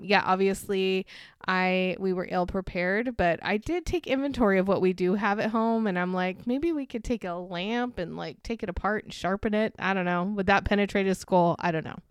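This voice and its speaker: A woman's voice: medium pitch, smooth, dry recording, clean studio sound. Chatty woman telling stories. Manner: rambling storyteller, laughs often. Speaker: podcast guest and co-host. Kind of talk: casual podcast interview.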